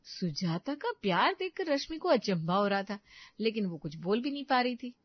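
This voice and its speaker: A woman giving scripted narration for a cartoon story, calm and even, on dull, dry audio. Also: mid-range voice, normal speed, no room sound.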